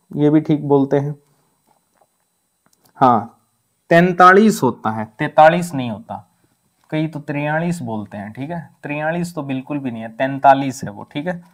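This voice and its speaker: Fairly high in pitch and darkish in tone, a Rajasthani man teaches an exam-prep grammar class. Contrasting right and wrong forms, he drills pronunciation, repeats his points, and asks "ठीक है" almost every step of the way.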